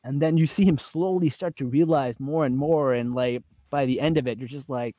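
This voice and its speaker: Male co-host, mid pitch, energetic and slangy, dry close-miked sound. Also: normal speed, no room sound. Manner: enthusiastic, laughs often, uses slang like "yo" and "bro". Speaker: podcast co-host. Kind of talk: casual chat.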